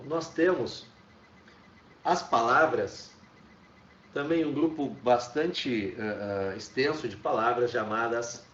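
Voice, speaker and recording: A man's voice: a little high, recorded from a distance. Brazilian man teaching in an echoey room. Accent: Brazilian Portuguese. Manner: explains with many "tá?" checks and restarts. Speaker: Spanish teacher. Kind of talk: online class lecture. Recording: echoey room, dull lo-fi sound.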